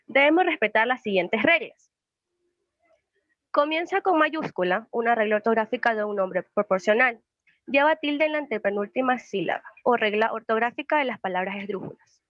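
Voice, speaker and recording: A woman's voice: on the high side, expressive, normal speed, no echo. A young woman, a student, reading a class presentation that poses questions and then answers them. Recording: muffled lo-fi recording.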